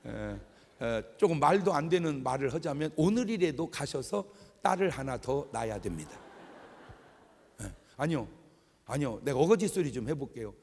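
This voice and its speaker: Man, middle-aged pastor, revival sermon, gravelly husky voice, long hall reverb. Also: medium pitch, normal speed, slight background noise. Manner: animated, joking, acts out wailing mourners. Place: large church sanctuary.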